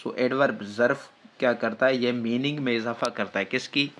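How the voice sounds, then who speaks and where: A man giving an exam-prep grammar lecture. He asks his own questions, answers them, and dictates English examples very slowly. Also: medium pitch, fairly even intonation, fairly bright tone. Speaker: grammar teacher.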